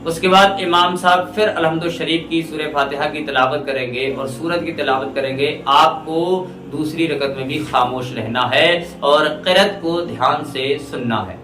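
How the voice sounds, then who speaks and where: A man giving religious instruction, explaining slowly and deliberately and reciting Arabic phrases. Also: a little high, sharp tone. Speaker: Islamic teacher. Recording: echoey room with faint music.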